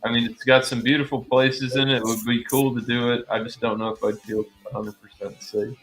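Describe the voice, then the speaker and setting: A man's voice: medium pitch, flat delivery, fairly quick, fairly bright tone, soft background music, rough recording. A man co-hosting a casual podcast chat, joking and crude, firing off questions. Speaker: podcast co-host.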